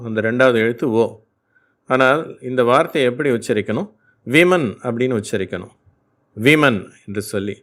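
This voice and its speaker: A man with a Tamil accent teaching English phonics, spelling out sounds slowly and deliberately one at a time. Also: medium pitch, a bit bright. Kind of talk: slow, step-by-step teaching.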